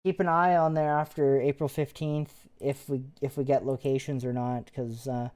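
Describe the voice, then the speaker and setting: A woman's voice: rumbling low, fairly even intonation, moderate pace, a little mellow. A woman, a paranormal investigator, chatting casually and rambling with restarts while live-streaming.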